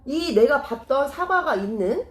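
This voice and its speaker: Earnest woman, lively voice, echoey room. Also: high voice, normal speed. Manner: earnest, persuasive, rhetorical questions. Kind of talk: casual explanatory talk.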